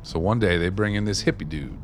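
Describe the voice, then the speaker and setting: Soft background music accompanies a man whose deep, natural voice moves fairly quickly. As a radio play actor, he takes on a streetwise, wry former maintenance man, reminiscing through stories told in a folksy, colloquial style.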